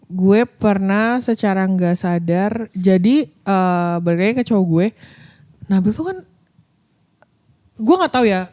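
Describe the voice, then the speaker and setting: A woman's voice: mid-range voice, lively intonation, measured pace, pauses often, darkish tone. A woman co-hosting a casual podcast. She tells personal stories in easy slang and drops in English words along the way. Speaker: podcast co-host. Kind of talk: casual chat.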